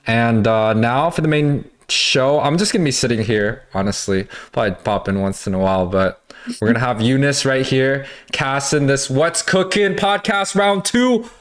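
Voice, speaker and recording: A man's voice: medium pitch, normal speed. A man hosting a gaming livestream podcast, loose and joking, swearing casually. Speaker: stream host.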